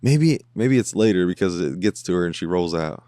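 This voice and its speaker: A man hosting a podcast, giving chatty, excitable reaction commentary while watching an episode, swearing casually. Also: sits low, a little fast, no echo, studio quality.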